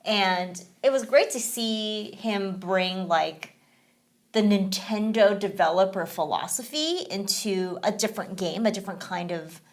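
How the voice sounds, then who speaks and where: A woman with a mid-range, unhurried voice co-hosts a gaming podcast. She chats casually and rambles, leaning on lots of fillers like "you know."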